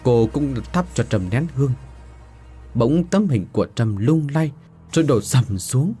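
A man narrating a scripted ghost story in an expressive, dramatic way. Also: mid-range voice, a little slow, husky. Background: faint background music.

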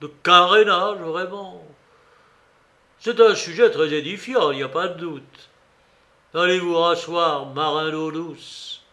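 A sly old peg-legged ship's cook, put on by a man reading the story aloud. He booms and blusters in loud, theatrical bursts, his voice sitting fairly high. A radio reading of an adventure tale. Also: lively intonation, takes it slowly. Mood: scornful. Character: gruff one-legged old male sea cook, cunning and blustering.

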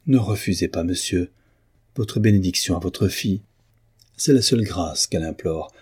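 A devoted young heroine from a classic novel, timid and humble, begging softly, as a male narrator reads her. The voice stays low and dark, with a husky texture. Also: moderate pace. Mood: pleading. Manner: trembling, pleading and humble.

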